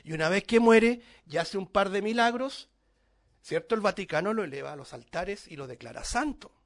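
A man preaching a sermon to his congregation, lifting his voice on key words and dropping to a hush at the ends of phrases. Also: sits high, animated, normal speed. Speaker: pastor.

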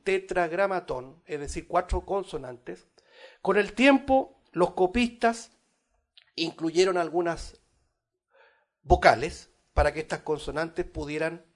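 High-voiced man preaching a Bible study. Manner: teaching Bible study, addressing listeners as brothers; rises in volume on scripture, drops low on asides. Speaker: pastor. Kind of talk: sermon.

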